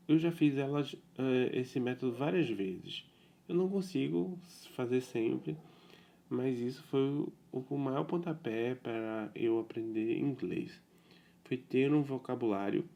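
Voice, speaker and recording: A relaxed man with a gravelly, medium-pitched voice gives a casual video lesson as a self-taught English tutor. He explains things easily, checking in with "né?" and "tá certo?".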